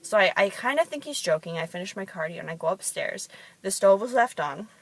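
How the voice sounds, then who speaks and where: A woman's voice: medium pitch, animated, fairly quick, dry recording. A woman who works in fitness and competes in bodybuilding, telling chatty stories with frequent ums. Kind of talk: casual storytelling monologue.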